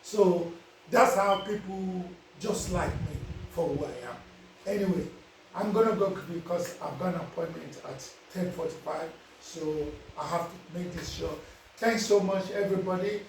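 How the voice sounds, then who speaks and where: A Nigerian-accented man speaks at normal speed in a high-pitched voice, sharing casual life advice with viewers in a preachy tone and repeatedly asking if they understand. The distant mic gives a very echoey sound with a little hiss or hum.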